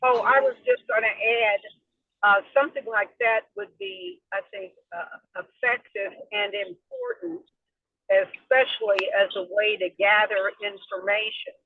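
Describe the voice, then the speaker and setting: A woman speaks from a moving car over a tinny, choppy cell phone line that keeps breaking up. Her voice is husky and slow, but it rises and falls a lot. She hesitates often, filling pauses and restarting her sentences. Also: medium pitch, sing-song, dry recording. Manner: hesitant, many fillers and restarts. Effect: choppy cell phone connection breaking up. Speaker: meeting participant on a call. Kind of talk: casual group meeting discussion. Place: in a car while driving.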